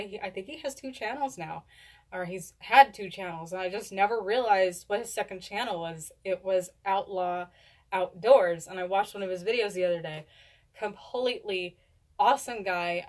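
A young adult woman chatting casually to camera in a rambling, stumbling way, talking with a lip full of dip. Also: mid-range voice. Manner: rambling, stumbles over words. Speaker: video blogger doing a product review. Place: indoors, small home room. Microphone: camera at a short distance.

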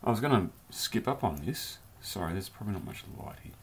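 A man's voice: low-pitched, sing-song, brisk, creaky. A man casually reviewing a collectible toy in a rambling, chatty vlog from his home beer cellar. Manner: chatty, rambling, loose slang.

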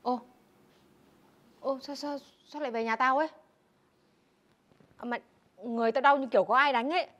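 Excitable woman in a comedy sketch, high bright voice. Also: normal speed, pauses often, dull audio. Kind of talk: comic sketch acting.

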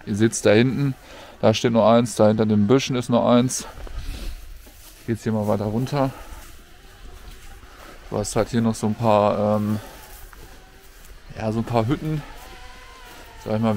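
A man's voice: fairly low pitch, steady tone, normal speed, pauses often, darkish tone, a little hiss or hum. A man giving an informal, colloquial walk-through commentary as a vlogger out and about. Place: mostly outdoors, walking through an abandoned housing estate.

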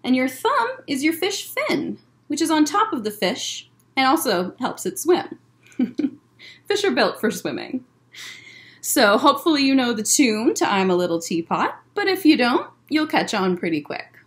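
A young woman with a high, very animated voice hosts a children's story time, chatting and reading aloud at an unhurried pace while explaining things simply. She's indoors in a library room lined with bookshelves, recorded by a webcam or laptop mic at desk distance.

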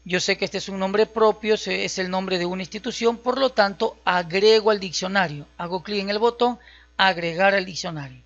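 A teacher narrates a screen-recorded software lesson at a mid-range pitch. The delivery is patient and goes one step at a time, with frequent check-ins. The audio is a bit dull and lo-fi. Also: moderate pace. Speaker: computer skills instructor. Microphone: voice-over on a screen recording.

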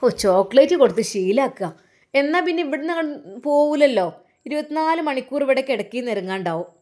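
A woman's voice: sits high, lively intonation, fairly quick, a little mellow. A woman playing a sneering, spiteful young wife. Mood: scornful. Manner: sneering, scolding. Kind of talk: storytelling with acted voices.

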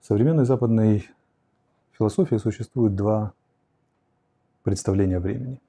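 A man in his forties lectures on philosophy during a livestream, pausing to sketch on a whiteboard as he answers questions. His voice sits low with a very dark, mellow tone and a touch of huskiness. He is close-miked on a lapel in a quiet curtained room. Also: gravelly, breathy edge. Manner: reflective, explains with a whiteboard, reads questions aloud then answers. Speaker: host answering viewer questions. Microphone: lapel mic.

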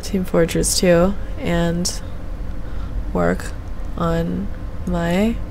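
A woman's voice: on the low side, little pitch movement, very slow, creaky, a little mellow, a little hiss or hum. A young woman chatting casually on a game stream in a hesitant, meandering way, half muttering to herself into a headset mic. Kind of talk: casual rambling stream chat. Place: small room at home, indoors. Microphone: gaming headset mic.

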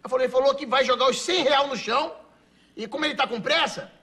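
A man's voice: very high-pitched, quick pace, pushed and bright, husky. A man telling comic stories in an interview, laughing at his own jokes as he rambles toward each punchline.

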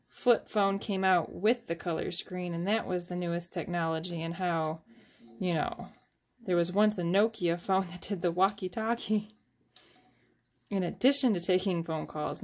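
A woman in her thirties hosting a casual, rambling craft tutorial at home, often joking about herself. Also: lowish voice. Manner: chatty, rambling and self-deprecating. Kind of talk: casual step-by-step craft demonstration.

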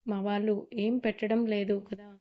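A woman's voice: medium pitch, little pitch movement, moderate pace, natural voice. A woman voicing a resentful middle-aged woman muttering irritably to herself, on a slightly muffled recording. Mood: irritated.

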